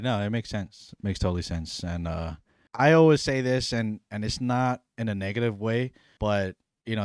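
A man's voice: fairly low pitch, dry recording, studio quality. A young man from Hawaii co-hosting a podcast, talking in an easygoing, chatty way with lots of "you know". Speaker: podcast co-host. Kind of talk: casual chat.

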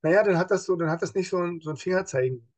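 Husky male guest, fairly high pitch, lively, acts out quotes, police officer type. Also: rapid-fire. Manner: lively, acts out quoted speech in other voices; explains with everyday examples. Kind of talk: casual interview talk.

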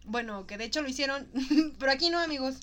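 High, bright woman, playful. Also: animated, quick pace. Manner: playful, laughs often, addresses listeners. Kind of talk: casual film recap chat.

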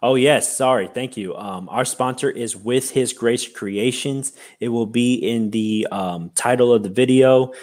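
A man's voice: medium pitch, a little slow, hardly any pauses, darkish tone. A man co-hosting a casual podcast, rambling with lots of fillers and restarts as he thanks guests and plugs the show. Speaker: podcast co-host. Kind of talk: casual chat.

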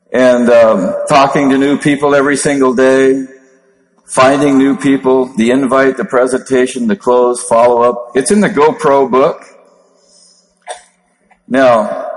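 A man in his fifties with a Minnesota accent, giving a motivational seminar talk as a network marketing trainer in a monotone voice. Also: mid-range voice. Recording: long hall reverb.

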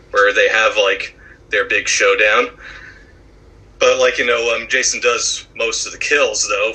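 A man's voice: lowish voice, bright, forceful tone, breathy edge, low-quality recording. A man co-hosting a casual podcast chat, talking in a rambling, hesitant way. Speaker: podcast co-host.

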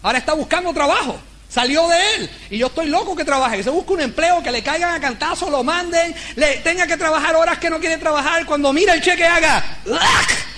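A man's voice: extremely high pitch, a little fast, slight background noise. A middle-aged man giving a motivational business talk to a live audience, telling stories and acting out dialogues. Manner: animated storyteller who acts out dialogues.

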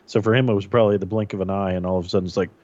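A man's voice: deep voice, steady tone, very fast, darkish tone, no echo, highs cut off. A man chatting casually about a movie with a co-host, hesitant and let down in his delivery. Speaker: podcast co-host. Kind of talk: casual movie review chat.

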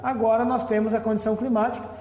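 A man giving an explanatory interview answer as a technical expert, in a halting way with repeated words. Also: high voice, little pitch movement, warm tone. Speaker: technical director of an agricultural extension agency, interview guest. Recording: echoey room with long reverb.

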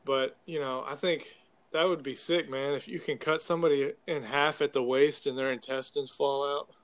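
A man's voice: mid-range voice, fairly even intonation, moderate pace, a bit bright. A young man in casual conversation, talking like a frat bro with loose slang and plenty of swearing. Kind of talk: casual chat about video games.

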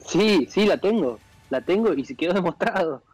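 A man's voice: normal speed, dry recording, faint music behind, poor audio. A young man with an Argentine accent arguing heatedly in a casual chat, swearing freely, his voice jumping up when he gets worked up. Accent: Argentine Spanish. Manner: excitable, swears a lot, voice jumps high when worked up. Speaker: panelist.

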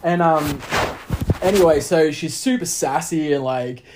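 A young Australian man with a fairly high voice for a man tells a story in a loose, rambling way. He fills gaps with "um" and "like" and acts out what everyone said. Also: unhurried, noisy background. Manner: rambling, animated storytelling with lots of fillers and acted-out quotes. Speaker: podcast guest. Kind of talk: casual storytelling chat.

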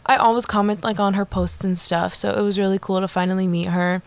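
A young adult woman, speaking fairly quickly with a steady, medium-pitched tone, hosts a casual solo podcast that's bubbly and chatty, packed with "like" and asides to listeners.

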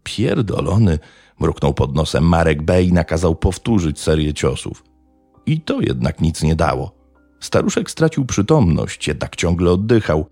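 Super deep guy reading a true crime story, slow and grave, dry close sound. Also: sing-song, dark tone, no room sound, faint music behind. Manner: measured, grave narration. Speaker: podcast narrator.

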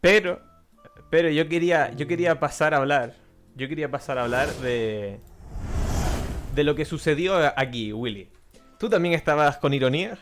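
A man's voice: a little high, normal speed, pauses often. A man from hosting a casual live-streamed podcast, chatty and jokey, often restarting his sentences. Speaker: podcast host. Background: faint background music.

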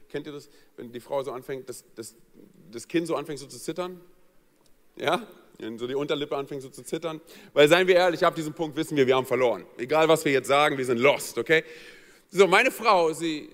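A man telling a funny personal story in a sermon, acting out the voices of the people in it. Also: a little high. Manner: lively, joking, acts out quoted voices. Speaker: pastor. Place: church hall. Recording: long church hall reverb.

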